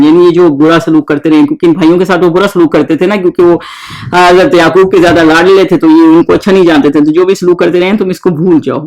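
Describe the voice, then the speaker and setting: Man, fairly high voice, gravelly, Quran lesson, slow verse reading, relaxed explaining, frequent pauses. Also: low-quality recording. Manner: reads Arabic verses slowly, then explains informally with many pauses. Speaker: Quran teacher.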